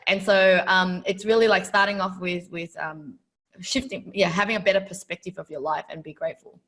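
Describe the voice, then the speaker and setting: A woman's voice: lowish voice, steady tone, brisk, fairly bright tone. A woman from Vietnam as a podcast guest, speaking earnestly and reflectively with many fillers. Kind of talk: interview podcast.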